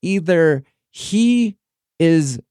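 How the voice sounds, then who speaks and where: A man's voice: on the high side, lively intonation, very slow, mellow, clean tone, no echo, clean studio sound. A man co-hosting a podcast in casual chat, sarcastic and dismissive, joking often. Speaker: podcast co-host.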